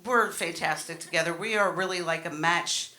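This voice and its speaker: A woman's voice: lowish voice, moderate pace. A middle-aged woman doing a live stand-up set, telling stories in a brash, bawdy, self-deprecating way. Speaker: stand-up comedian. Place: comedy show in front of an audience. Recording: noisy live room with loud audience laughter. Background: loud crowd laughter and noise.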